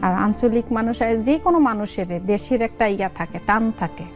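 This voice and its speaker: Animated Noakhali-accented Bengali woman. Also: a little high, moderate pace, faint music behind. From Noakhali region, Bangladesh. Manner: animated, acts out family dialogues in dialect. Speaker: content creator guest. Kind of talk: casual interview chat.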